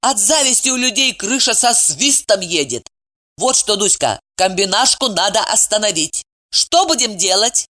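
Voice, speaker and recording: A woman's voice: medium pitch, animated, moderate pace, pushed and bright. A woman voicing a sly, gossipy woman friend who needles and nags. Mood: needling.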